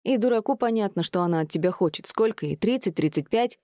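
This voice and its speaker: A woman voicing an enraged young adult son who shouts with contempt. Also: fairly low pitch, fairly even intonation, fast, no room sound, clean studio sound, lightly acted.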